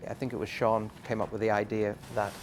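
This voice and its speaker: A man's voice: on the low side, level tone, a little fast. A man, a designer, explaining his ideas in an interview. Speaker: bridge designer. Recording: faint background noise.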